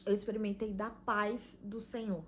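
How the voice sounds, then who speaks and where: A young Brazilian woman sharing an earnest, emotional faith testimony, full of pauses and "you know?" tags. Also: medium pitch, little pitch movement, slight background noise. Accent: Brazilian Portuguese. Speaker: channel host giving a faith testimony. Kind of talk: personal testimony vlog.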